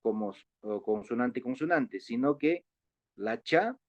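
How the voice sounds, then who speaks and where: A man teaching an online class at an unhurried, deliberate pace, with a patient manner and frequent hesitations. He sounds dry and close, with no room around him. The sound is dull and lo-fi, like a computer mic on a video call. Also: mid-range voice, expressive, no room sound. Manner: patient, spells out syllables slowly, many fillers.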